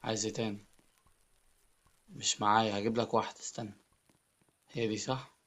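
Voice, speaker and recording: A man with an Egyptian Arabic accent giving excitable Let's Play commentary as a gaming YouTuber, often repeating his words. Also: lowish voice, brisk.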